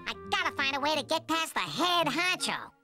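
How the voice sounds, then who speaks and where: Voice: high-pitched, very animated, a little fast, over music. An actor voicing a cheeky, wisecracking male cartoon woodpecker who is brash, scheming and full of exclamations. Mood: sly, scheming. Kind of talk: animated cartoon voice acting.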